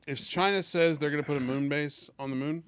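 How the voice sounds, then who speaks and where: A young man co-hosting a podcast, talking in a wry, deadpan, rambling way. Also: fairly high pitch, brisk, a little hiss or hum. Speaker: podcast co-host. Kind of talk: casual chat.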